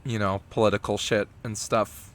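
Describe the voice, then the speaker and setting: A man's voice: lowish voice, level tone, moderate pace. A man in his twenties co-hosting a casual podcast, offhand and swearing casually. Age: 20s. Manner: laid-back, offhand, swearing. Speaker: podcast co-host.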